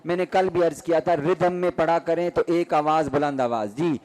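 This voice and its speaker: Man, Quran teacher, classroom call-and-response, fairly high voice, drills terms aloud. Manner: quizzing students, repeating terms loudly in rhythm.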